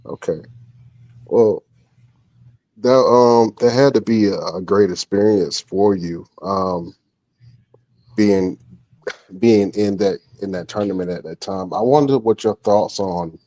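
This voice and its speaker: A man in his late thirties hosting a wrestling podcast, with a very deep, low voice. He asks his questions in a loose, halting way full of fillers, and he laughs easily with his guest. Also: warm tone. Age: 30s. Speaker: podcast host. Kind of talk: casual interview chat.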